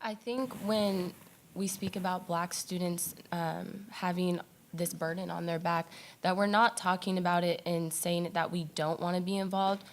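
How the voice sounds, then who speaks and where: A young woman, a student on a panel, speaking earnestly and firmly from personal experience. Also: fairly low pitch. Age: young adult. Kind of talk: panel discussion.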